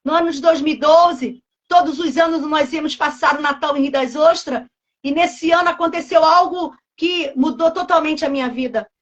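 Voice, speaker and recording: A woman's voice: high-pitched, moderate pace, lo-fi sound. A Brazilian woman in her fifties, a pastor giving an emotional, fervent testimony and acting out dialogues with God. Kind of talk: emotional personal testimony preaching.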